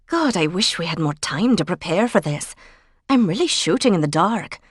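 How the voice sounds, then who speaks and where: A woman narrator voicing a brisk, practical woman researcher in a cozy mystery audiobook, businesslike and chatty. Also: on the low side, animated, slightly rough, no room sound, studio quality.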